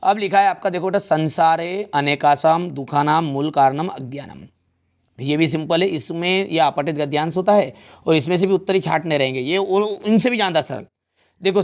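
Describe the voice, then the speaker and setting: A young male teacher talks through a revision lesson one step at a time. His voice sits a little high, and he keeps checking in with his students in a friendly, easy way.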